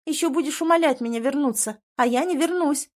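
A woman voicing a capricious, clingy young woman in an audiobook, with a pouty, whiny, shrill manner. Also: brisk, natural voice. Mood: whiny, haughty. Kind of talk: audiobook character voice.

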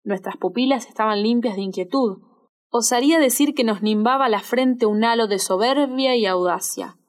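A woman's voice: a little high, normal speed. Woman reading a novel aloud. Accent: Rioplatense Spanish. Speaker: audiobook reader. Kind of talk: literary audiobook narration.

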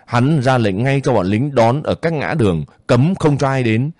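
A male narrator reads a story in a calm, measured manner. His voice sits at an ordinary middle pitch. The recording is close and dry, with no room echo. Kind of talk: audiobook narration.

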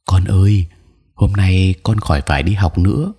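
A man voicing a gentle, caring young mother in an audio story, speaking softly and coaxingly. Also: low voice, normal speed, husky. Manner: soft, coaxing.

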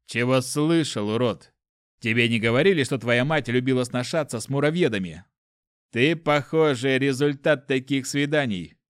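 A man voicing an insolent young male prisoner who taunts his jailer in a slow drawl. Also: medium pitch, smooth, no echo, clean studio sound, lightly acted. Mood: taunting.

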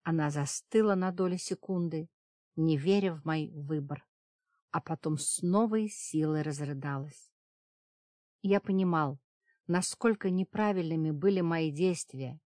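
A woman reading a fantasy audiobook as first-person narration, in a steady dramatic storytelling manner. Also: lowish voice, no echo, clean studio sound. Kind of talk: scripted narration.

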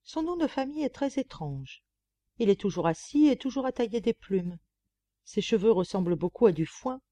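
A woman's voice: mid-range voice, very animated, moderate pace, dark tone, no echo, natural voice. Woman reading as a gossipy pampered lapdog. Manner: chatty, confiding, mocking. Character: gossipy pampered female lapdog writing letters. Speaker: audiobook reader. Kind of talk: audiobook narration.

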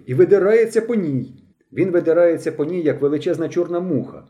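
A male narrator reads a novel aloud in a dark, mellow voice. His delivery is expressive and dramatic, and he leans into the tense moments. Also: fairly high pitch. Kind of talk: audiobook reading.

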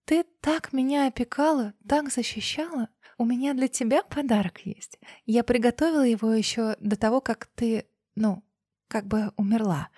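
A woman's voice: on the high side, normal speed, dry recording, studio quality, close to an everyday voice. A woman voicing a young woman who shifts from sweet, timid guest to vicious killer, sugary at times and snarling at others, read as an audiobook. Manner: sugary and bright, then snarling and shrieking.

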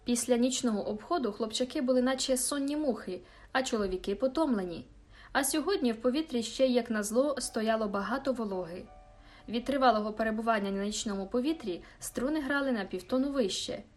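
A woman reads a classic novel aloud as an audiobook, telling the story calmly. Her voice is fairly high for a woman, and soft music plays faintly underneath. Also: fairly quick. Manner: calm storytelling reading. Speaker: audiobook narrator. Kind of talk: scripted narration.

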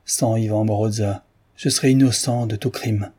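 A man's voice: on the low side, steady tone, moderate pace, mellow, slightly rough. A man reading aloud voices a guilty coachman who defends himself and pleads with his mistress. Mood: pleading. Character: guilty male coachman, fearful then defiant.

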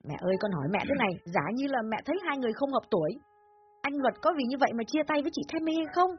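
A woman plays a young adult daughter who asks careful, hesitant questions. Her voice is high and lively. Faint music sits under a dull recording. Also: rapid-fire, breathy edge. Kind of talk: dramatized audiobook reading.

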